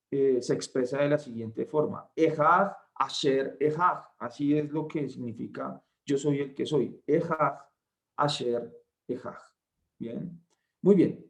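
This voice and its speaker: A man leads an online Bible lesson. He speaks slowly and with emphasis, reads verses aloud, and keeps checking that his listeners follow. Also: a little high, a little mellow. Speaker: Bible class tutor.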